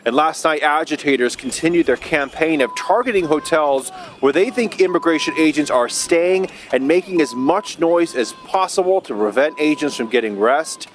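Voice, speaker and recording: A man delivering a scripted news report in a brisk, even newsreader style. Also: on the high side, a little hiss or hum.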